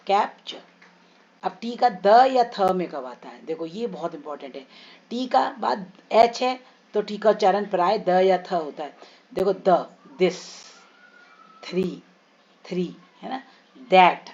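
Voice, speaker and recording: A woman teaching English pronunciation, slowly stretching and repeating sounds and words for her students. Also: mid-range voice, a little mellow. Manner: slow, drawn-out repetition of sounds and words. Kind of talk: explanatory pronunciation lesson. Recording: slightly dull lo-fi recording.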